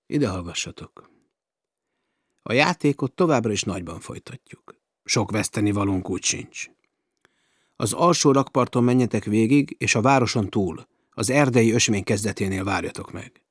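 A bold, brash naval officer who barks his plans with forceful authority, as a male audiobook reader puts him on. His voice is low and husky, recorded dry and close. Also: lively intonation, no echo. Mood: brisk.

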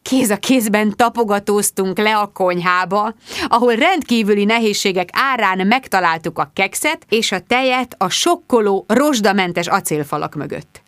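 A woman's voice: mid-range voice, animated, a bit bright, clear, resonant tone, no room sound, studio quality. A woman reading a first-person audiobook in a confiding, wry manner. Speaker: audiobook narrator. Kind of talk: scripted audiobook narration.

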